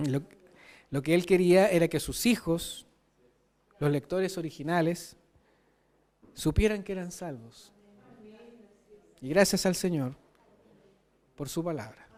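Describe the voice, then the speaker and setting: A man's voice: a little high, takes it slowly, long pauses, a little mellow. A man with a Chilean Spanish accent preaching a sermon, emphatic and often asking "¿cierto?". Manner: emphatic, frequent rhetorical "¿cierto?".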